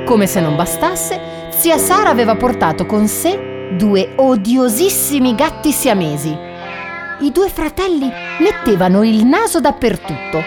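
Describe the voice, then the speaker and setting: Woman reading a kids story, lively up and down voice, music playing behind. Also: on the high side, a little slow. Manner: expressive, animated reading. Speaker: narrator. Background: background music.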